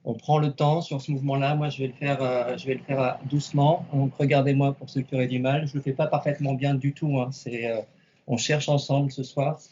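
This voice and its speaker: A karate instructor teaching an online class to camera, giving slow, repetitive cues and counting out the moves. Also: male voice, mid-range voice, flat delivery, mellow, a little hiss or hum. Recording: roomy, distant, dull sound.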